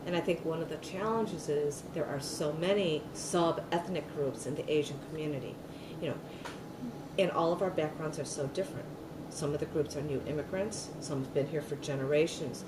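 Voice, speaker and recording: A middle-aged woman with a low voice talks at a moderate pace while giving an oral history interview, speaking loosely with lots of fillers and restarts. The recording is noisy, echoey, and made with the mic at a distance.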